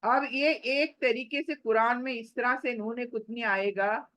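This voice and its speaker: A woman teaching Quran recitation online, drawing out the examples slowly and then explaining them briskly. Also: fairly high pitch, steady tone, fairly bright tone, no echo, rough recording. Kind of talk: online tajweed lesson.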